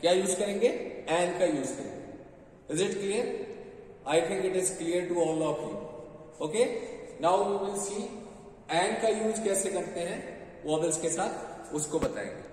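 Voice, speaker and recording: A man with an Indian accent teaching English grammar, asking questions and answering them himself, slowly drilling each point. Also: sits high, animated, a little mellow. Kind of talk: classroom grammar lesson. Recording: echoey hall, from far off, faint noise.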